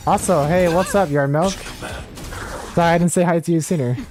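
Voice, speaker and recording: Speaking briskly in a medium-pitched voice, a livestreamer casually chats with viewers and remarks on a game in a relaxed, apologetic manner. Video game music plays behind the voice.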